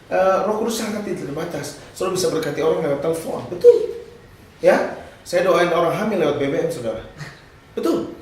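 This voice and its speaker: A man preaching a lively, humorous sermon and drawing responses from his congregation. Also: high voice, a little fast. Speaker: pastor. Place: church hall. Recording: echoey hall, mic at a distance.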